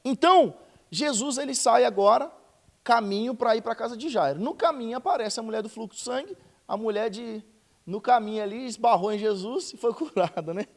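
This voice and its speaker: A man teaching a Bible study, reading scripture slowly and with emphasis, then explaining it casually. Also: extremely high pitch. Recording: long hall reverb.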